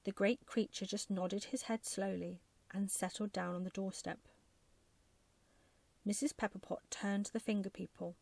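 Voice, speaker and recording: Soft, creaky woman reading a bedtime story. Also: mid-range voice, steady tone, moderate pace, dry recording. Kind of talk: soft ASMR scripted storytelling.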